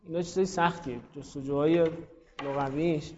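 A man's voice: on the high side, steady tone, a little mellow, in a large hall, highs cut off, a little hiss or hum. A man teaching a grammar class, calling on students by name and thinking aloud. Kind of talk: classroom lesson on Arabic grammar.

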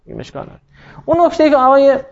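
A man's voice: very high voice, wildly swooping pitch, gravelly, dull audio. A man teaching a grammar class, explaining each rule step by step and quizzing his students as he goes. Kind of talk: classroom lecture.

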